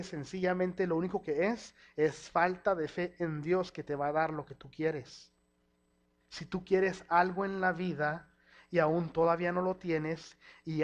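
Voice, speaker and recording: A high-voiced man preaching a sermon, lively and acting out what people say. He drops English words into his talk. The recording sounds dull and lo-fi. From El Paso, Texas. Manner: animated, acts out quoted speech, mixes in English words. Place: church hall.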